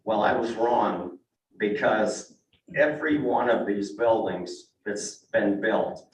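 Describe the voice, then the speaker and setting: An older man, a real estate broker who is losing his voice, gives plain, conversational testimony at a zoning meeting, with frequent "uh"s and restarts. His voice is fairly low and slow, picked up by a distant mic in an echoey council chamber with slight background noise.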